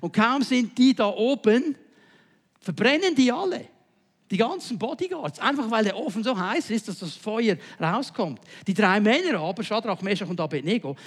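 A man preaching a sermon, swinging between loud emphatic lines and quiet low passages and often turning to the listener with short checking questions. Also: big-room sound.

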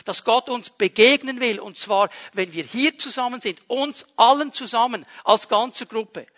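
A man preaching a sermon to his congregation in a lively, conversational way, asking rhetorical questions. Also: very high voice, unhurried. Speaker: pastor. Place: church hall with a congregation.

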